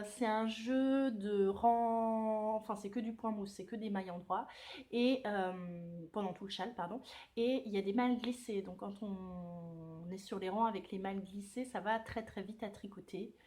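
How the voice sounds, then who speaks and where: Chatty woman knitting podcaster. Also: mid-range voice. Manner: chatty, with many hesitations and self-corrections. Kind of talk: casual knitting video podcast.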